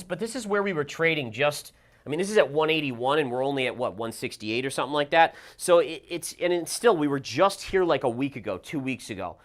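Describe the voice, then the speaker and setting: A man hosting a trading show walks through stock charts in brisk, live commentary. He thinks out loud and reacts as he reads the numbers, at an ordinary mid pitch. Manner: brisk, reacts aloud while reading charts. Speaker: market analyst host.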